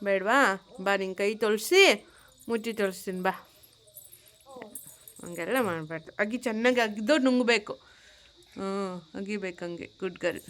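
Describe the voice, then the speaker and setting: A woman filming a casual home vlog, talking gently and coaxingly as a mother and chatting to her viewers. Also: medium pitch, moderate pace, long pauses. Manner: gentle, coaxing, soft-spoken. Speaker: vlogger and mother.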